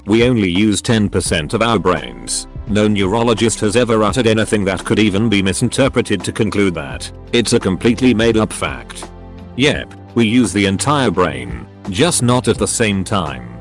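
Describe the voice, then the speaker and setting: Lively low-voiced man reading forum posts. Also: normal speed. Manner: reads out abbreviations and punctuation literally. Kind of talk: scripted narration of forum posts. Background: faint background music.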